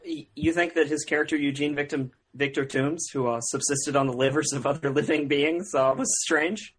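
Male podcast co-host, husky tone, dry sarcastic wit. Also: on the high side, fairly even intonation, moderate pace. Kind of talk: casual film podcast chat.

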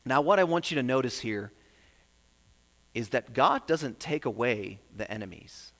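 A man preaching a sermon with earnest emphasis, rising on key phrases and dropping low and soft at their ends. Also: lively intonation, unhurried. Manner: earnest, builds emphasis then drops to a soft low close. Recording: long hall reverb.

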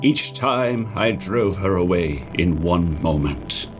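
A man's voice: low-pitched, lively intonation, slow, music in the background. A man voicing an earnest, devoted young shepherd who pleads in old-fashioned speech. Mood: earnest, pleading.

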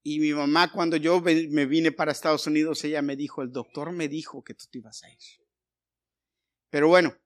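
A man's voice: fairly high pitch, fairly even intonation, brisk. A middle-aged man, a pastor, preaching a conversational sermon and telling personal stories, often restarting his words.

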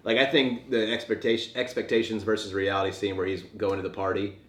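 A man's voice: on the low side, level tone, fast talker, fairly bright tone, roomy sound. A young man co-hosting a podcast, chatting casually and rambling with many fillers. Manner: rambling, heavy use of "like". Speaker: podcast co-host. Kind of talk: casual chat.

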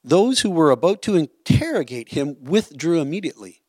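A man's voice: a little high, sing-song, normal speed, darkish tone, husky, no echo, clean studio sound. A man teaching a Bible study, explaining a passage in a conversational way and often checking in with "right?".

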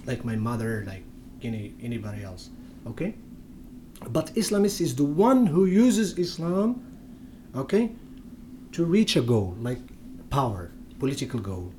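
A young Moroccan whose mother tongue is Berber (Tamazight) speaks English in a conversational interview, hesitantly and with many fillers and restarts. His voice is on the high side yet dark in tone, with a little hiss or hum audible.

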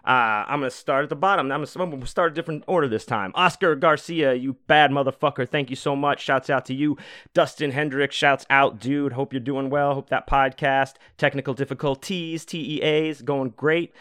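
A man's voice: medium pitch, steady tone, a little fast, fairly bright tone, dry recording, clean studio sound. Rambling man hosting a casual podcast. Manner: rambling, loose, with many fillers and profanity. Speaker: podcast host. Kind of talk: casual solo podcast monologue. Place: home room.

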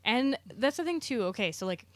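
A young woman co-hosting a podcast, chatting wryly about a movie in a casual, quick way. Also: a little high, very animated, no echo. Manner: chatty, wry, quick asides. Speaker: podcast co-host. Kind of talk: casual movie review chat.

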